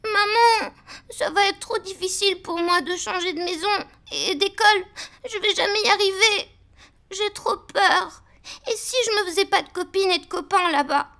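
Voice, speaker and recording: A woman voicing Pêche, an energetic, excitable little girl in a children's audio story, talking fast and loud. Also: high-pitched. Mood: tearful pleading.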